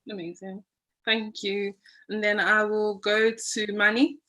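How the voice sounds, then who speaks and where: A woman's voice: mid-range voice, flat delivery, unhurried, bright, forceful tone, rough recording. A woman hosting an online panel, speaking earnestly and restarting her sentences. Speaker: host.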